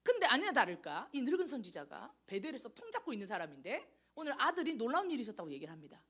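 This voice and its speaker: A woman missionary preaching a lively sermon to young people, telling the story with animation and teasing listeners by name. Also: medium pitch, breathy edge.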